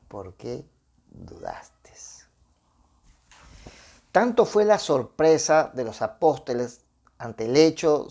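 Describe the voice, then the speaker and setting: A man's voice: on the high side, a little mellow. Conversational man preaching a devotional. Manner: conversational, with frequent tag questions and restarts. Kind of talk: informal devotional sermon with Bible reading.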